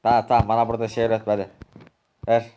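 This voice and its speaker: A man in a Minecraft role-play, bickering in a taunting, rough, slangy way. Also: lowish voice, monotone, very fast, highs cut off, background noise.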